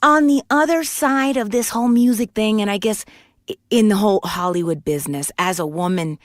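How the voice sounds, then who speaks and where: A Puerto Rican woman in her forties, a guest voice actor and singer, candidly tells her life story in a casual interview, restarting often. Her voice is medium-pitched and a little fast, recorded at studio quality with no echo.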